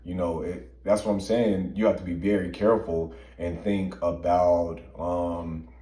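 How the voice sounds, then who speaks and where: A man's voice: low-pitched, flat delivery, measured pace, warm tone, reverberant. A man co-hosting a music commentary show, giving earnest, emphatic opinions with plenty of fillers. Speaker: podcast co-host. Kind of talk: casual chat.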